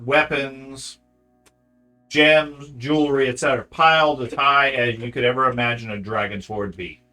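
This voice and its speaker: A man narrating a tabletop fantasy game as game master, describing things in halting phrases with pauses. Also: mid-range voice, bright, forceful tone.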